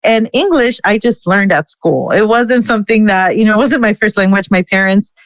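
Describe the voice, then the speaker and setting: On a podcast, a US-born woman whose first language is Spanish candidly tells a personal story in casual interview fashion, often dropping "you know" and "right." Her mid-range voice moves at a normal speed, captured in a dry, studio-quality recording.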